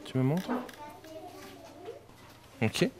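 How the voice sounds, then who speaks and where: A woman teacher in a classroom with a French Polynesian accent, patiently prompting young pupils syllable by syllable. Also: very slow. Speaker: kindergarten teacher.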